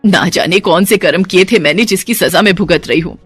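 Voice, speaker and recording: A woman's voice: lowish voice, a little fast, breathy edge, dry recording, faint music behind. A woman voicing an exasperated middle-aged mother-in-law who scolds and frets.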